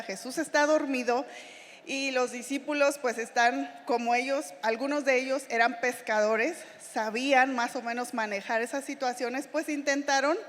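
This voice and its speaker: A woman missionary with a Mexican accent preaches in a relaxed, conversational way, tossing frequent little questions to her congregation. Her voice sits somewhat high. The sound carries the long, lingering reverb of a church hall. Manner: chatty, with frequent tag questions to the listeners. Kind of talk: conversational sermon.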